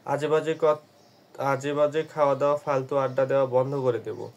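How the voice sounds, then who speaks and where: A man's voice: mid-range voice, little pitch movement, moderate pace, a little mellow, lightly acted. Teasing, affectionate young woman in a storybook reading, voiced plainly by a male narrator. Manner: teasing and tender.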